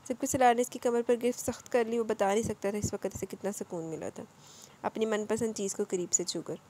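A woman narrating a romance novel aloud at a steady storytelling pace. Her voice sits at an ordinary middle pitch, with small slips and restarts as she reads. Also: a little fast. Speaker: audiobook narrator.

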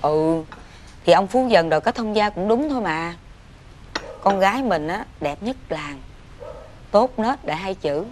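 A voice actress with a Southern Vietnamese accent plays a worried, wealthy middle-aged mother in a cartoon fairy tale, first coaxing and then breaking into frantic wails. Her natural voice is medium-pitched, animated, unhurried and a little mellow, with frequent pauses. Music plays, with slight background noise.

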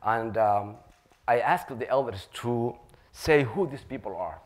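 With a mid-range voice, an animated delivery and a measured pace, a middle-aged Somali-speaking man recounts personal experiences in a panel talk. He is a community worker and radio host, speaking on an auditorium stage through a lapel mic, and his earnest storytelling features repeated words as phrases come together.

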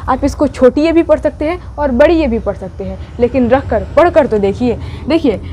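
A woman's voice: high-pitched, dark tone, a little hiss or hum. A young woman, teaching an online language lesson, patiently repeating each step and asking rhetorical questions. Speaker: Urdu teacher.

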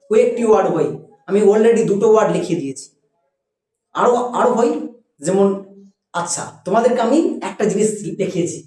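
A teacher giving a spelling and pronunciation lesson, patient and repeating words slowly for students. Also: mid-range voice, darkish tone, very echoey, distant mic, rough recording.

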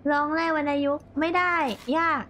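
A woman's voice: sits high, flat delivery, fairly quick, fairly bright tone, a little hiss or hum. A woman streamer chatting casually and rambling to her viewers while she plays a game. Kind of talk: casual gameplay commentary.

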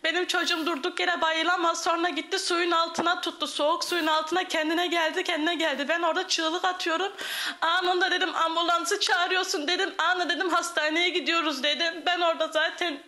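A woman giving a halting, emotional account as a guest on a live TV program, quoting others at length. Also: extremely high pitch, little pitch movement, pushed and bright. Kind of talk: emotional testimony.

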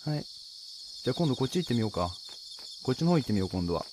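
Male horror let's-player, casual but rattled, very animated pitch, noisy track with game ambience. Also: racing. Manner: nervous, pleading, talks to himself and viewers. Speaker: video game player and commentator.

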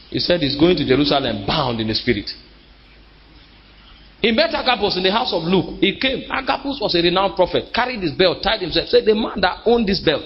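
Emphatic preacher in a reverberant hall. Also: male voice, sits high. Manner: emphatic, rises to shouts and drops to slow drawn-out words. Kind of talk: sermon. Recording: muffled live recording in a reverberant hall.

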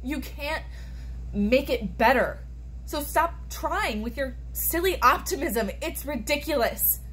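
A woman's voice: high voice, animated, slow, a bit bright, voice pushed up, exaggerated voice. A young woman playing a bitter, grieving young woman in a sorrowful, anguished dramatic stage monologue. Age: young adult. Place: small bright room indoors. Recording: noisy room phone recording.

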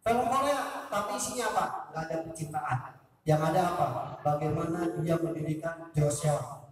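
Male school preacher, high-pitched and chatty, recorded from a distance in a reverberant hall. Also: expressive, normal speed. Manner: chatty, asks the audience rhetorical questions. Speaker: Islamic speaker at a school talk. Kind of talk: informal religious talk to students. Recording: echoey hall, voice picked up from a distance.

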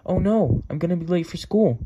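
A man voicing a polite, shy young woman in an amateur script read-through, speaking gently. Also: mid-range voice, animated, moderate pace, muffled recording, very noisy, pitched above the performer's own voice, natural voice.

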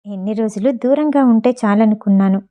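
A woman's voice: mid-range voice, fairly quick, warm tone, lo-fi sound, natural voice. A woman voicing a jealous, scheming young wife who sounds bitter and commanding.

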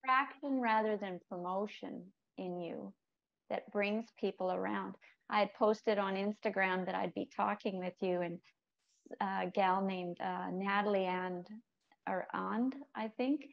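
A woman hosts a podcast in an enthusiastic, chatty way, asking her guest questions. Her voice sits at a middle pitch. The sound is a little muffled. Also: steady tone, measured pace, gravelly. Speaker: podcast host. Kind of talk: casual interview chat. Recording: slightly dull lo-fi sound.

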